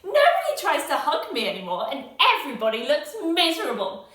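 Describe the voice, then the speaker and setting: A woman's voice: sits high, huge pitch swings, brisk, fairly bright tone, heavily acted. A woman playing a gleeful, gloating evil witch in a comic pantomime, theatrical and cackling, in an echoey recording. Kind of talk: comic monologue in a family pantomime. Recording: very echoey, distant microphone.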